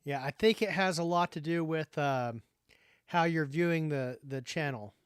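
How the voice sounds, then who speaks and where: A man's voice: fairly high pitch, normal speed, clear, resonant tone, no room sound. A man hosting a casual livestream chat, thinking aloud in a hesitant way. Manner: hesitant, thinking aloud while figuring things out. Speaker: livestream host.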